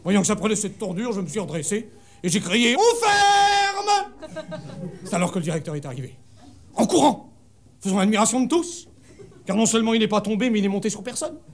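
A man telling a comic story on stage in a deadpan way, breaking into sudden high shouted punchlines. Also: fast talker, creaky. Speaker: stand-up comedian. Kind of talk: comic monologue before a live audience. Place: theatre stage with a laughing audience. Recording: live show recording with crowd laughter and noise.

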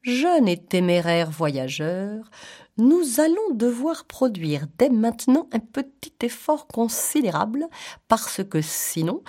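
A woman's voice: lowish voice, dark tone. A woman voicing a pompous rock python who speaks in long, formal, flowery sentences. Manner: long-winded, formal and grandiloquent.

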